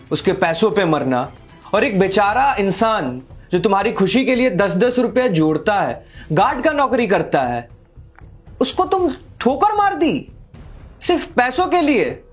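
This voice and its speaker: A young man acting a scornful, lecturing rich boyfriend in a dramatic short film. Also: fairly high pitch. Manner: scornful, lecturing, raises voice in arguments. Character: arrogant wealthy young man, contemptuous and moralizing. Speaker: actor playing Sahil, a rich boyfriend.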